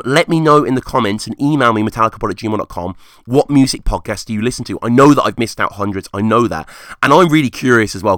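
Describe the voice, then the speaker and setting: A man hosting a music podcast solo, rambling casually and enthusiastically in a rusty, croaky, hungover voice. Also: on the low side, a bit bright, dry recording, studio quality. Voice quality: rusty, hoarse voice. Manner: enthusiastic, informal.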